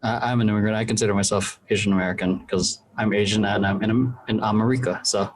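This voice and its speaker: A man's voice: fairly low pitch, fairly even intonation, fast, a little hiss or hum. A young man from the Philippines, co-hosting a casual group chat, often restarting his sentences. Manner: stammering restarts, jokey. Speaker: podcast co-host.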